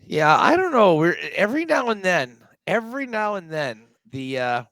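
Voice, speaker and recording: A man's voice: high voice, very animated, moderate pace, a bit bright, no echo. A man on a video call, co-hosting a sports betting show in loose, chatty talk full of um and uh. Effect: remote guest on a video call. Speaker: sports betting podcast co-host. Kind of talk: casual sports betting chat.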